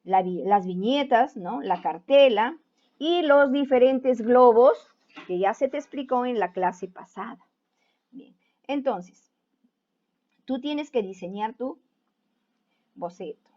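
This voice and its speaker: A woman teacher with a slightly high voice talks students through a writing assignment in a patient, step-by-step way. She keeps checking in with a quick "¿no?" after almost every phrase. The recording sounds dull and lo-fi. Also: dark tone. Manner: keeps asking "¿no?" to check understanding. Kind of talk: online class explanation.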